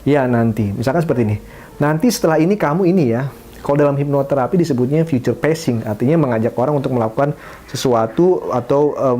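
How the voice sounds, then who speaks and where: A man's voice: medium pitch, dark tone. A middle-aged man, a hypnotherapist, giving a parenting advice lesson with frequent fillers and restarts. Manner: fillers and restarts, acts out example phrases. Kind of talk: talking-head advice lesson.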